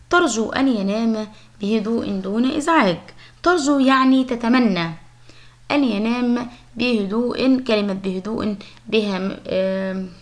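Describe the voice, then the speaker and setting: Quick-talking Egyptian woman teaching a class. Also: on the high side. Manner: explains patiently, asks the pupils questions and answers them herself. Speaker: primary school teacher. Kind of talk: recorded Arabic lesson for young pupils.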